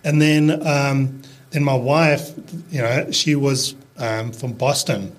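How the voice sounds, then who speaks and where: South African man in his fifties, halting. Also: mid-range voice. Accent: South African, fading toward American. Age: 50s. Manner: halting, restarts a lot, fillers, relaxed. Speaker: podcast guest, landscaping business owner. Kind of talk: casual conversational interview.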